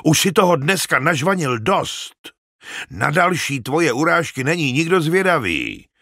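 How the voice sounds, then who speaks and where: A man's voice: sits low, expressive, fairly bright tone, slightly rough, no room sound, clean studio sound, exaggerated voice. Man doing a brutish bullying young warrior. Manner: harsh, bullying, barking. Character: brutish arrogant young warrior, chieftain's son.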